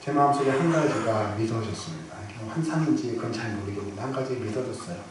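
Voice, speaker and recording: A male pastor preaching a storytelling sermon, moving between loud bursts and hushed near-whispers. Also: on the low side, expressive, quick pace. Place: church sanctuary. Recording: very echoey hall, from far off, noisy.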